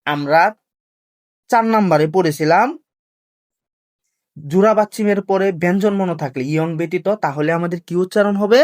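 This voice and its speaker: A language teacher with a mid-range voice gives a classroom-style video lesson. They slowly and carefully drill pronunciation rules, posing rhetorical questions and then answering them while repeating key points.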